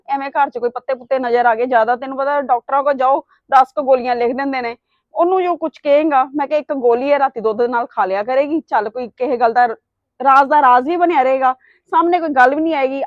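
Defensive pleading mother played by a middle-aged woman, high voice, quick, dull dry sound. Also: dry recording, natural voice. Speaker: wife's mother. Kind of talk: family drama acting.

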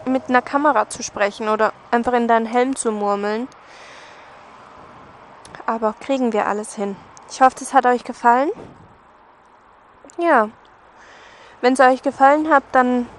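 A woman's voice: high-pitched, a little hiss or hum. A young woman, chatting casually and self-mockingly into her helmet camera as a motovlogger. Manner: giggly, self-mocking, switches between German and English. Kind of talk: casual helmet-cam vlog chat. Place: on a motorbike outdoors, then indoors in a garage. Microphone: helmet-mounted camera mic.

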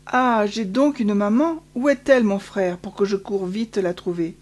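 Une femme qui prête sa voix à une jeune bergère solitaire et pieuse, au ton plaintif et sincère. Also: female voice, mid-range voice, moderate pace, a little mellow, lightly acted. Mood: eager, tearful. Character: lonely tearful young shepherd girl, pious and longing.

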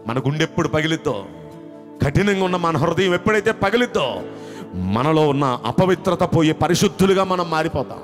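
A man preaching a sermon as pastor, impassioned and emphatic, swinging between loud outbursts and hushed lines and repeating phrases. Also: high voice. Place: live online church service.

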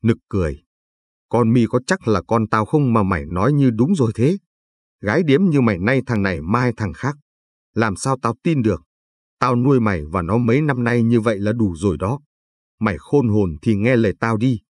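A cruel, wealthy husband full of contempt who sneers, insults and threatens, voiced by a man in a low, husky tone. The reading sounds dry and close. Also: lively intonation, normal speed, no room sound. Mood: threatening.

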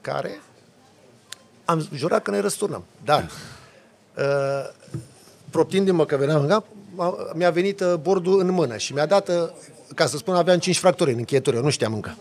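Brief: male podcast guest, gravelly voice pitched a bit high, animated storyteller. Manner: animated, lively storytelling with sound effects. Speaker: podcast guest, off-road driver. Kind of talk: casual storytelling.

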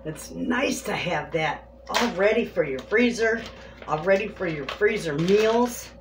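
An expressive woman with a mid-range voice and a measured pace walks her viewers through some casual food prep, talking to them directly in a warm, homey manner. The homesteading vlogger films in her kitchen, where the audio is echoey and background noise comes through clearly.

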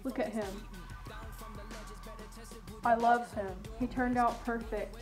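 A woman's voice: fairly high pitch, fairly even intonation, takes it slowly. A young woman vlogger chatting casually and gushing with giggles while talking inside a costume head. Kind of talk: casual unboxing vlog. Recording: echoey room with music behind.

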